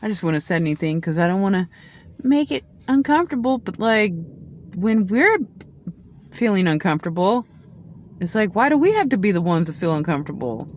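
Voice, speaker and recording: A woman with a mid-range voice gives a casual tarot reading, very animated and fairly quick, chatting and rambling with lots of restarts and asides. She mentions that she has a loud voice. There's slight background noise.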